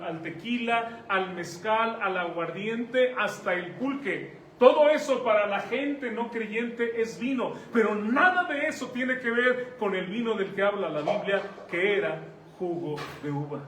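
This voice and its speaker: Mexican pastor, high voice, conversational sermon, echoey hall, mic set back from him. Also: male voice, measured pace, fairly bright tone. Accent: Mexican Spanish. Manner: conversational preaching, asks the congregation questions. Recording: echoey room, mic at a distance, faint noise.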